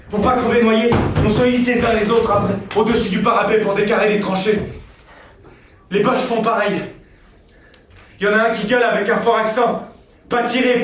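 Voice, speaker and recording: A rough-spoken young trench soldier tells his story in blunt slang, as an actor plays him. His voice rides high for a man. It sounds roomy and distant, as if picked up from far back in a theatre. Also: close to an everyday voice. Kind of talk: stage reading of a war diary. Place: theatre stage.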